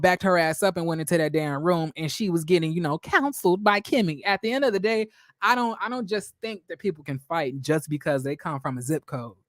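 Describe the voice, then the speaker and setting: Recorded in studio quality without echo, a high-voiced man runs a livestream reality-show recap. He reads comments from viewers and answers with blunt, sassy profanity and frequent rhetorical questions.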